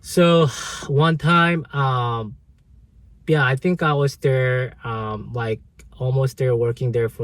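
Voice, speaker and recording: In a dry recording, a mid-range male vlogger casually recounts an old job story to viewers, rambling with many fillers, restarts and repeated "right?".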